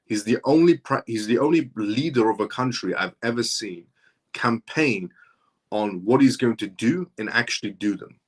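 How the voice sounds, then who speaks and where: A man's voice: medium pitch, lively intonation, moderate pace, slightly rough. A man in his thirties hosting a live stream, answering viewer comments and making his points in an emphatic, repetitive, insistent way. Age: 30s. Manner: reads viewer comments aloud and answers them.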